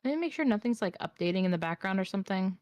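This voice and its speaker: A woman's voice: medium pitch, expressive, very fast, darkish tone, dry recording, dull audio. Giggly young woman, dry close mic. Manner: giggly, reads history aloud and breaks into laughter. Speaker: podcast co-host, history storyteller. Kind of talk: casual streamed podcast chat.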